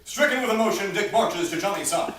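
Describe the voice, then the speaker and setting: A man's voice: high-pitched, expressive, a little fast. A man reading scripted narration and stage directions for a comedy play. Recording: very noisy, echoey, far from mic, clicks.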